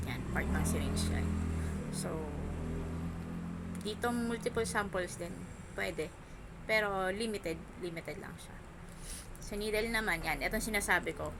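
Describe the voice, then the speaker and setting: A woman with missing front teeth gives an informal hands-on lesson as a medical instructor, in short, halting, repeated phrases. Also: on the low side, gravelly. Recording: noisy room, noise from outside. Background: background noise, child outside.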